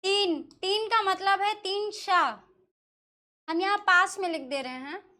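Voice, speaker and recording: High, bright-voiced woman teaching slowly. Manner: explains step by step, asks questions and answers them herself. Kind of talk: classroom lesson explaining Sanskrit pronunciation.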